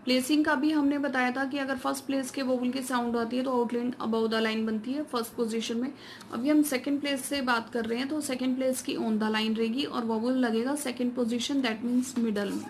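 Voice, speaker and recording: A woman with a fairly high voice explains a shorthand lesson step by step, mixing in English terms. She reads the English rules out slowly and carefully. Faint noise hums behind her. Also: fairly even intonation. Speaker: shorthand teacher.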